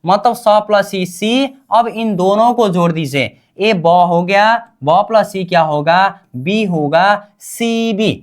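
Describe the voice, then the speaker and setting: Slow, repetitive woman teacher. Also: mid-range voice. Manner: asks questions and answers them herself, repeats each term. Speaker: language teacher. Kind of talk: slow call-and-response lesson.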